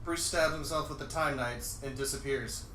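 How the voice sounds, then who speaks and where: A man with a medium-pitched, pushed and bright voice reads a screenplay dramatically for comic effect on a livestream, speaking at normal speed. He's clearly amused and laughs often. The recording has a roomy, distant-mic sound and faint noise.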